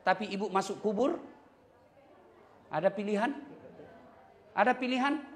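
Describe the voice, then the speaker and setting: A middle-aged man preaching an Islamic sermon to a live audience, animated and joking, acting out the people he quotes. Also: high-pitched, unhurried. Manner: animated, acts out quoted voices, jokes with the audience.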